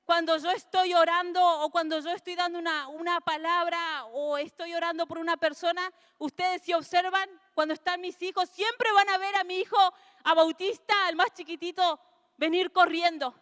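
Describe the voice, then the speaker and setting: A woman pastor, preaching an earnest sermon that builds into emotional, tearful shouting. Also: very high voice, fairly even intonation, normal speed. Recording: long hall reverb.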